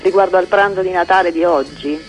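A woman's voice: lowish voice, a little fast, soft background music, low-quality recording. A woman calling in to a radio show, teasing the hosts in a dry, mock-stern way. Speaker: radio caller.

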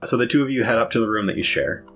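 A man acting as game master, narrating the scene and explaining the rules in a measured, easygoing way. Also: mid-range voice, lively intonation, fairly bright tone, faint music behind.

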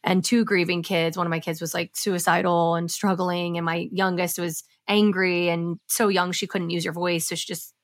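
A woman talking as a podcast guest in a somewhat low voice. She speaks candidly and with passion, and swears freely. Her talk is casual and unscripted. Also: little pitch movement, normal speed, hardly any pauses. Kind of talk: casual interview chat.

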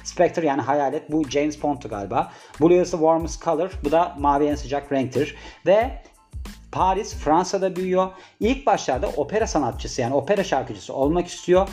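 A young man with a slightly high voice chats away in a loose, rambling monologue, tossing in jokey asides and talking to himself. Faint music plays underneath. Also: expressive, normal speed, a little mellow. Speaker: vlogger presenting a celebrity biography. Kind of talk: casual chatty monologue.

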